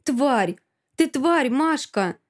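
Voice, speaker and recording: A woman doing a shrill spiteful young woman. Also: expressive, very slow, exaggerated voice. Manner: screeching, brazen and spiteful.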